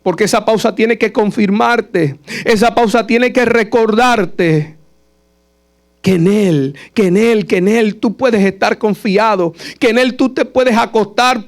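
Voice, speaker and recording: A man preaching at a Bible study, earnest and emphatic, repeating phrases to drive each point home. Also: very high voice. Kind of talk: sermon.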